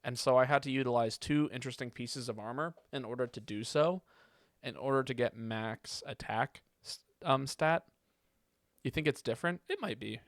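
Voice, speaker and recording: A man's voice: mid-range voice, moderate pace, no room sound, clean studio sound. A man streaming a video game, chatting casually and rambling as he thinks aloud. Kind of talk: casual live gaming commentary. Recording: clear background noise.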